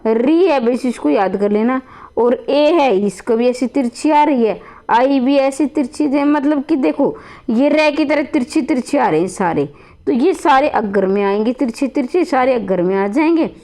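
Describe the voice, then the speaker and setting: A woman's voice: sits high, lively intonation, unhurried, warm tone. A woman teaching grammar to students in a classroom-style lesson, calling them children, repeating points and asking rhetorical questions.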